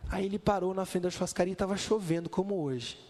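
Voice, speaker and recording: A man preaches in a large church hall, his voice slightly high and carried by a long reverb. He tells stories with animation and acts out the people in them. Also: fast talker, a little mellow. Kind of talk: sermon.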